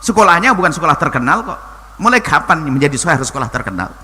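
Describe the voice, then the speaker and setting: A man preaching and answering a listener's question, talking in an animated way that swings from low and soft to high exclamations. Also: racing, husky. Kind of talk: sermon. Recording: long hall reverb, faint noise.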